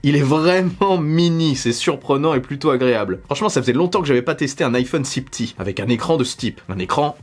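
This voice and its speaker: Tech vlog host, male, slightly high and husky, animated and joking. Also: quick pace, hardly any pauses. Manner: playful, jokey asides. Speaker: tech YouTuber. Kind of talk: unboxing vlog.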